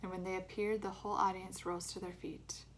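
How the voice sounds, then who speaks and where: A woman teacher reading a chapter book aloud to her third-grade class, with expressive storytelling. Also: mid-range voice, a little fast. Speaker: elementary school teacher. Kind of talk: reading a children's novel aloud.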